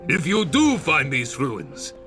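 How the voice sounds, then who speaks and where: A man's voice: fairly high pitch, huge pitch swings, slow, bright, forceful tone, voice pushed up, full character voice. A man voicing a boastful stranger in a put-on Russian accent, drawn out and sing-song over game music. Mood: dismissive.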